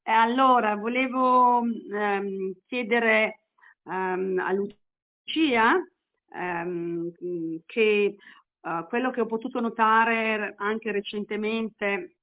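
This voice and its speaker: A woman's voice: medium pitch, fairly even intonation, drawn-out words. A woman calling in to a radio show, speaking politely and hesitantly through a tinny phone line. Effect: heard through a call-in phone line.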